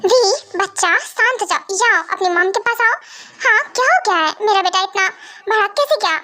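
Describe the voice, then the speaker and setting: A woman's voice: very high-pitched, moderate pace, pushed and bright. A woman voicing a caring vampire mother who soothes and scolds her son in a fan voice drama. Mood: soothing.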